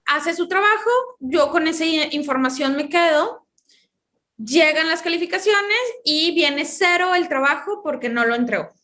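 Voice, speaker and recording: A woman with a high voice speaks as a psychologist guest in an interview. She explains her points through long personal stories, slipping into the voices of the people in them. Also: lively intonation, normal speed, sharp tone. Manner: explains with long personal anecdotes, acting out quoted dialogue. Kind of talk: conversational interview.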